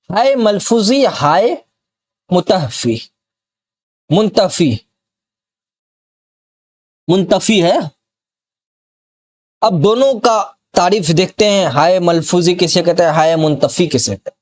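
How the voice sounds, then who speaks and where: Man, Bihar accent, tutor: high voice, unhurried, drills word lists and checks the student is following. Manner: slow, repeats example words and keeps checking the student follows. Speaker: Urdu grammar teacher. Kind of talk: classroom grammar lesson.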